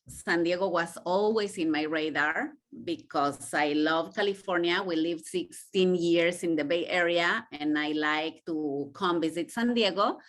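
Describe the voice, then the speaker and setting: A middle-aged Mexican woman with a lowish, fairly bright voice speaks earnestly and reflectively as a podcast guest and intercultural coach. Her heavy accent blends Mexican Spanish with Israeli sounds, and the exchange is a conversational interview.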